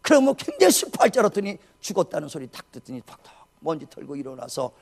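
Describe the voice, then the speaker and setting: A pastor, a man in his sixties, preaching a sermon with emotional storytelling that swings between loud cries and hushed speech. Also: fairly high pitch, huge pitch swings, quick pace, creaky.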